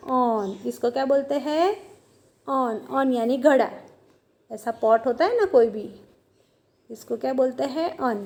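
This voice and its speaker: Woman, teacher. Slow and patient, repeats every point. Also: sits high, a little mellow. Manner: asks questions and answers them herself, repeats often. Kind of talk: classroom grammar lesson.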